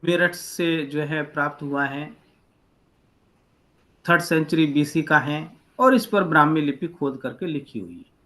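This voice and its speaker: A man's voice: a little high, a little slow, pushed and bright. A man teaching an online class over a video call, patiently explaining letter by letter. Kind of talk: online lecture.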